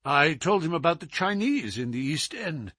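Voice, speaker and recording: A man's voice: fairly high pitch, big pitch swings, normal speed, pushed and bright, breathy edge, no room sound, clean studio sound, voice pushed up, full character voice. Watson, earnest loyal friend, read by a man.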